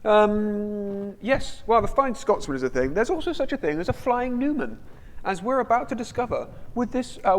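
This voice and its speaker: A man co-hosting a casual live stream, jokey and animated, reading out viewer comments. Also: sits high. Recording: long hall reverb.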